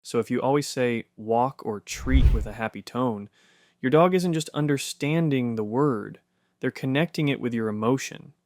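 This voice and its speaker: A man giving scripted narration for an explainer video, punchy and conversational with quick rhetorical questions. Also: medium pitch, darkish tone, no echo, studio quality.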